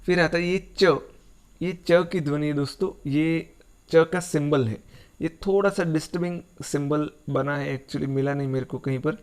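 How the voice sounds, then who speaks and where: A man's voice: fairly high pitch, moderate pace, smooth. A man with an Indian accent teaching a phonetics lesson, repeating points patiently and mixing English words into his explanations. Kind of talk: classroom-style lesson.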